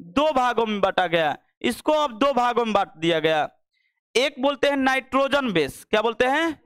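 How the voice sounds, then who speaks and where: A man's voice: extremely high pitch, lively intonation, normal speed, fairly bright tone, clean tone, dry recording, clean studio sound. A young man teaching a biology lesson, asking questions and repeating the answers again and again. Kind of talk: classroom-style biology lesson.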